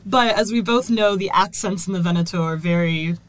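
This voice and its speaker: A woman's voice: medium pitch, fairly quick, poor audio. A woman hosting a podcast, reading a segment and then chatting with a guest, laughing often. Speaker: podcast host. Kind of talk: scripted segment and casual interview.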